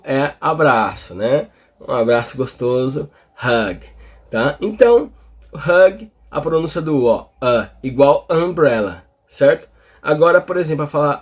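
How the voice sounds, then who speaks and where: A Portuguese-speaking man explaining English vowel pronunciation, talking slowly with many fillers and tag questions. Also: mid-range voice, slightly rough. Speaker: English teacher. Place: in front of a display board.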